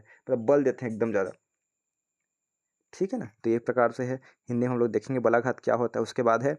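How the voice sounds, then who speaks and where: Man, teacher, casual exam-prep lesson, reads questions aloud, keeps checking in viewers. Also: medium pitch. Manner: repeats checks like "ठीक है ना", addresses viewers as friends. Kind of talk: casual spoken lesson, reading quiz questions.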